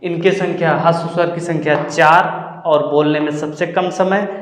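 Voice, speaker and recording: A man's voice: a little high, steady tone, moderate pace. A man teaching a Hindi grammar lesson for exam preparation, explaining step by step and sounding out vowels as examples. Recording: echoey room with long reverb.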